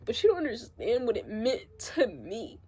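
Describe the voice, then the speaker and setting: A young woman crying as she speaks a halting, emotional confessional vlog, her voice rising and breaking as she gets upset. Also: a little high, big pitch swings, warm tone, husky. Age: young adult. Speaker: vlogger.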